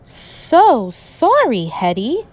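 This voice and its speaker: A woman voicing an eager, determined young boy who bursts out in high, excited exclamations. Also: normal speed. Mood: weary.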